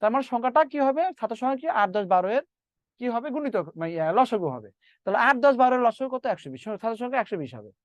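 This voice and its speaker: A man's voice: very high voice, no echo, dull audio. A man teaching math in a live online lecture, repeating steps and quizzing his students as he works through sums.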